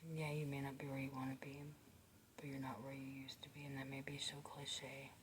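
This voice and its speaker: A woman doing a whispered card reading, slow and reflective, giving gentle life advice while chewing gum. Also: extremely low pitch, level tone, noisy background. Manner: chews gum, blowing bubbles. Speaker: tarot or oracle card reader.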